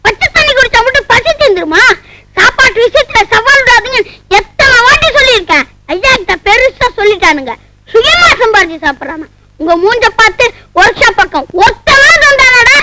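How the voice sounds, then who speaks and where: An actress playing a sharp-tongued young wife who scolds and teases. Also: female voice, very high voice, expressive, moderate pace, very noisy. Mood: scolding. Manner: scolding, teasing retorts. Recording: film soundtrack with loud music.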